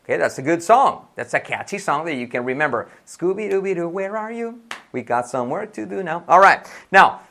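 A man's voice: a little high, animated, normal speed, vocal fry, hardly any pauses, sharp tone, a little hiss or hum. A man from Spain with a Spanish accent, an English teacher giving a casual lesson, switching between Spanish and English and repeating words as drills.

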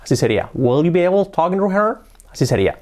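Lively man teaching English. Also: high-pitched. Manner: explanatory, repeats examples slowly, lively intonation. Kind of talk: casual video lesson.

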